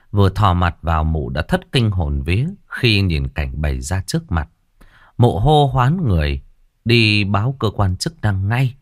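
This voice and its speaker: A man narrating a ghost story in an expressive, dramatic storytelling manner. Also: low-pitched, dry recording, clean studio sound.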